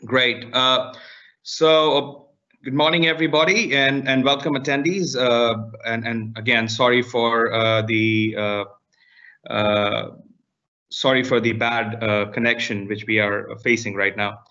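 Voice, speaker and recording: A man's voice: medium pitch, fairly even intonation, unhurried, sharp tone, muffled recording. A man speaking hesitantly over a bad video-call connection, apologizing to a webinar audience. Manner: hesitant, many fillers. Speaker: legal panelist in a webinar. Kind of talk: online webinar presentation.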